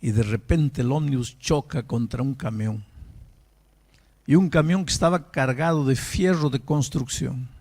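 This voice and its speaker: Pastor guy preaching, gravelly voice, acts out the people in the story, gets loud and high at the big moments. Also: measured pace. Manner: dramatic storyteller, acts out quoted voices, rising to emotional peaks. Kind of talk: sermon storytelling.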